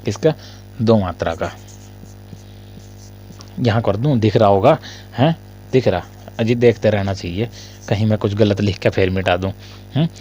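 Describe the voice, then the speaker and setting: A male Hindi grammar teacher in a casual lesson. He asks his students questions, answers them himself, and often coughs and clears his throat. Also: on the low side, normal speed, pauses often, mellow, a little hiss or hum.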